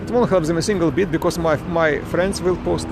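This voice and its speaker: A man's voice, a little high and creaky, moves fairly quickly as he livestreams from a street in Ukraine. He is a parent covering a protest on his phone, replying to viewers in broken English with frequent restarts, while traffic noise fills the outdoor recording.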